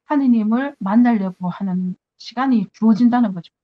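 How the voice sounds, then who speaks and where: Earnest nun giving a spiritual talk. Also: female voice, fairly high pitch, moderate pace, highs cut off. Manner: earnest, acts out her own prayers to God.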